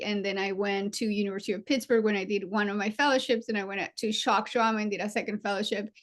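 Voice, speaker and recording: A woman in her forties from Colombia with a Colombian Spanish accent, a surgeon being interviewed, speaking earnestly and reflectively with frequent pauses and fillers. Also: medium pitch. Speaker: guest surgeon. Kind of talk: interview conversation.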